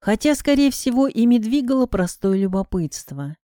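A woman with a warm, mellow voice reads a detective story aloud in the first person, keeping a steady, measured storytelling pace. The recording is dry and close, with no room sound around her. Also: on the high side, dry recording. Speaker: audiobook narrator. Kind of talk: first-person audiobook narration of a detective novel.

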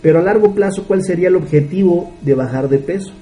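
His voice sits high and moves fast: a man in his thirties, a business mentor with a Mexican Spanish accent, giving a sincere motivational talk full of rhetorical questions. The recording is muffled, with a bit of hiss or hum.

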